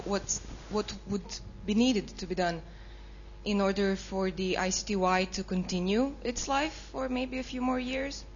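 A woman's voice: medium pitch, dull audio, slight background noise. A woman from Croatia, a student, asking an earnest, detailed question at a public debate.

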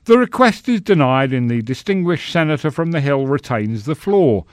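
A man's voice: on the high side, lively intonation, moderate pace, smooth, dry recording, voice pushed up, natural voice. Bored halfling chairman, read by a man, rote reciting voice, dry sound. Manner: rote, recited procedural phrasing. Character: bored halfling presiding official, chewing a sandwich.

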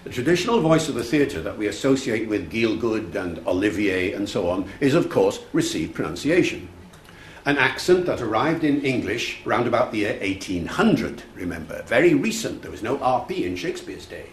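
A man's voice: fairly low pitch, big pitch swings, moderate pace, a little hiss or hum. A man lecturing in a roomy hall. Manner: explanatory, storytelling, uses fillers. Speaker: festival speaker on language. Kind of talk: public lecture with anecdotes. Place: room with an audience.

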